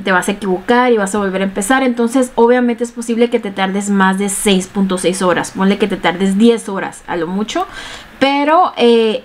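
Chatty young woman explaining a tutorial. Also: a little high. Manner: chatty, explains step by step with many fillers. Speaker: online tutorial host. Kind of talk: casual screen-share tutorial. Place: small room at home.

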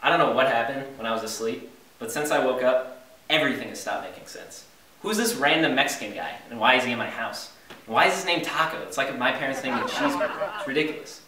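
A man's voice: mid-range voice, fast talker, pushed and bright, natural voice. A young man playing a bewildered, exasperated straight man with sitcom delivery. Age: young adult. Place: living room of a house. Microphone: camera mic across the room. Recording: very echoey house, distant mic, faint noise.

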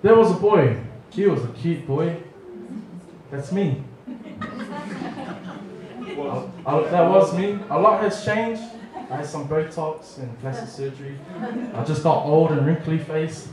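A man in his thirties from New Zealand, preaching a storytelling sermon on a handheld mic, animated and acting out family dialogue. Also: on the high side, a little slow, long pauses, background noise. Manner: animated, acts out family dialogue with lively gestures. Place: church hall, small room. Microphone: handheld mic, far camera. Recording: echoey hall from far off.

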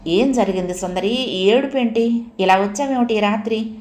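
A woman voicing a bewildered young man who gently coaxes his crying lover with soothing questions. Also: fairly high pitch, unhurried, voice pushed up, lightly acted. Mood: coaxing. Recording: echoey room, faint hiss.

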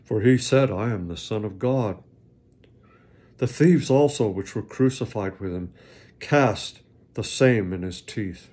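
A man's voice: on the low side, unhurried, a little mellow, slightly rough. A man hosting a Bible reading, giving earnest, plain-spoken devotional commentary and reading scripture aloud.

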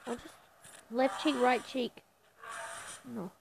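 A woman giving casual commentary over a mobile game, chatty and prone to mumbling with excitable reactions. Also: fairly high pitch, slow, gravelly, a little hiss or hum, rough recording. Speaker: gameplay video creator.

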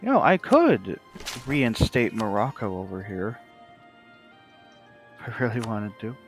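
This man's lowish voice has a sing-song quality and a slightly slow pace, with soft music in the background. He's casually chatting with other players mid-game in a multiplayer strategy title, reasoning aloud and explaining the mechanics.

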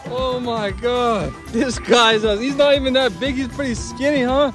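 A man hosting a street challenge outdoors, giving excited commentary full of exclamations and swearing. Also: extremely high pitch, a little slow. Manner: animated exclamations, profanity, frequent laughing. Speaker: challenge host filming strangers. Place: outdoors in public parks. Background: music.

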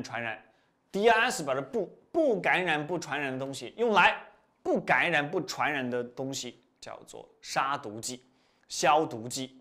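A man teaching vocabulary in a recorded lesson, explaining word roots with lively repetition, often rising for emphasis and letting phrase endings trail off. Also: fairly high pitch.

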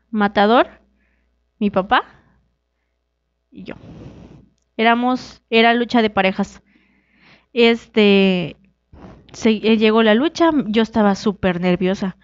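A woman's voice: clear, resonant tone, dry recording, lo-fi sound. A young woman from Mexico, a wrestler being interviewed, telling her story casually and acting out the dialogue. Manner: animated, acts out quoted dialogue with shifting pitch. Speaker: guest, wrestler.

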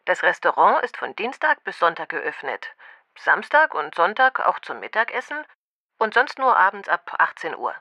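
Businesslike female restaurant manager, bright voice, lively intonation, courteous, language-course dialogue, slightly dull recording. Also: on the low side, normal speed, no room sound, exaggerated voice.

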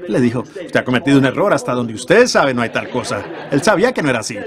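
A man's voice: mid-range voice, very animated, quick pace, crowd noise. A man interpreting a sermon in an earnest preaching voice, often turning to the congregation with rhetorical questions. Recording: congregation noise from an old sermon tape behind the voice. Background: congregation in a church.

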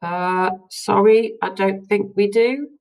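A woman's voice: mid-range voice, steady tone, takes it slowly, a little mellow, voice pushed up, poor audio. A woman voicing a brave young schoolgirl in a storybook reading, earnest and breathless.

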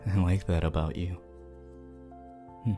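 Man voicing Hitoshi Shinsou, slow low sly flirt. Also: level tone, soft background music. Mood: teasing, tender. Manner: slow, hushed, teasing, pauses often. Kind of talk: ASMR character roleplay to the listener.

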